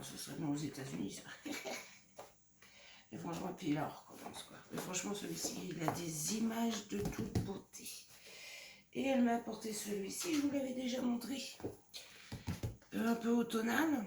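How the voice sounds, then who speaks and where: A woman's voice: medium pitch, moderate pace, vocal fry, long pauses. A woman showing off scrapbooking paper pads in a casual vlog, gushing and sometimes dropping to a whisper. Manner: gushing, lots of "franchement" and "regardez-moi ça". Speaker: scrapbooking vlogger. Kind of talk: casual show-and-tell. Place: home craft room. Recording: echoey room from a distance, noisy.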